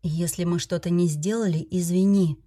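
A woman voicing a gentle, puzzled male lord who speaks softly and soothingly. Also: fairly low pitch, steady tone, moderate pace, natural voice. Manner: soft, soothing and reasoning.

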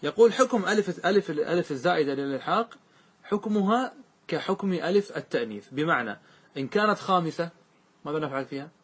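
A man's voice: a little high, animated, quick pace, slightly rough. A man teaching a grammar lesson, patiently repeating examples and checking that his students follow. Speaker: teacher explaining Arabic grammar. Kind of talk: classroom lesson on a grammar poem.

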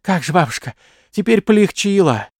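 A man's voice: sits high, sing-song, moderate pace, dry recording, studio quality, voice pushed up, full character voice. A man voicing a naive young village girl who pleads and squeals, then turns eager.

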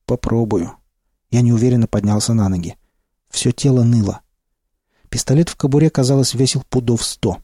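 A man narrating a first-person audiobook in a steady, low-key way. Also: brisk, dry recording, studio quality.

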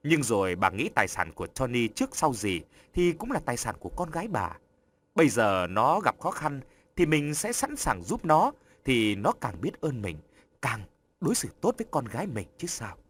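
A man reading an audiobook story aloud in an expressive storytelling manner. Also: medium pitch, normal speed, a little hiss or hum. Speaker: narrator. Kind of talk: scripted audiobook narration.

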